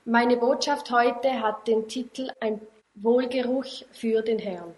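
A woman interpreting a sermon line by line, quick and plain with small restarts. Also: fairly high pitch, fairly even intonation, a little mellow, echoey room, low-quality recording. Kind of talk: live sermon interpretation into German. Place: hall without audience.

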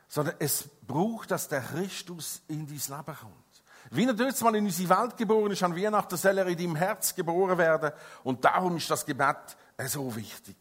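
Male evangelist, middle-aged, husky, rather high voice, emphatic sermon, loud peaks and soft drops. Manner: emphatic, swings between loud stresses and quiet intimate passages. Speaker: evangelist, preacher.

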